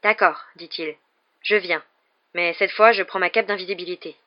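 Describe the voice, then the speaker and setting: A reader voicing a teenage boy wizard who speaks in a brisk, awkward way. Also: medium pitch, steady tone, lo-fi sound, lightly acted.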